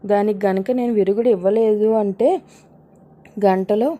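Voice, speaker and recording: A woman's voice: mid-range voice, fairly even intonation, normal speed, mellow, close to an everyday voice. A woman voicing a bold, scheming young woman who talks in a pushy, commanding way. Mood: threatening.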